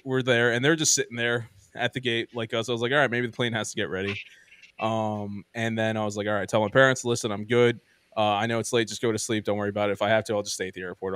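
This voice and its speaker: A man's voice: medium pitch, no echo, clean studio sound. A man telling a long travel story in casual podcast chat, swearing and acting out what people said. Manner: animated, swears often, acts out quotes. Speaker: podcast co-host.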